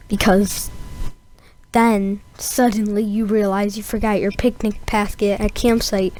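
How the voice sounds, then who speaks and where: A woman's voice: mid-range voice, a little mellow, slight background noise. A young woman giving a casual, rambling voice-over of her gameplay, full of fillers and asides. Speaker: gameplay narrator.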